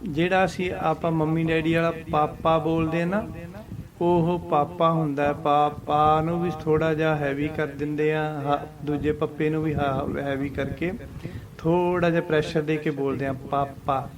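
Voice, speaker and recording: A man teaching the pronunciation and meaning of Sikh scripture, patiently repeating verses slowly to model how they should be said. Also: on the high side, flat delivery, a crowd in the background. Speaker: Gurbani teacher.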